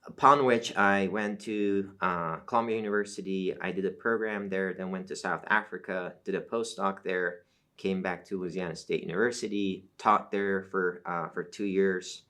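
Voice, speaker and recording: This professor guest, a middle-aged Iranian man who grew up speaking Azeri Turkish, speaks in a low-pitched, steady voice that is bright and forceful. During the academic interview he stays measured and explanatory, leaning on frequent fillers.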